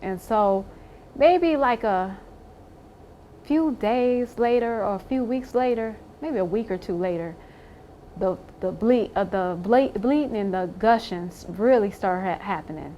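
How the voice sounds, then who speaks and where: A woman's voice: mid-range voice, expressive, a little slow, dark tone, dull audio, a little hiss or hum. A woman in an interview giving a candid personal account, blunt and emphatic, swearing now and then and laughing wryly.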